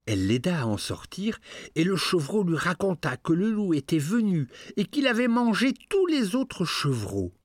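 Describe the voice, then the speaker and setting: A man narrating a fairy tale with an expressive, rising and falling storytelling manner. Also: high voice, normal speed, dry recording, clean studio sound. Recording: narration over clear music.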